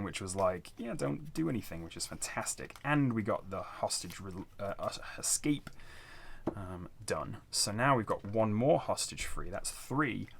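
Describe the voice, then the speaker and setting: Man, low voice, casual game playthrough commentary, hesitant thinking aloud, noticeable background noise. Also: gravelly, a bit bright. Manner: hesitant, thinking aloud, talking himself through choices. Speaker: solo board game player narrating a playthrough.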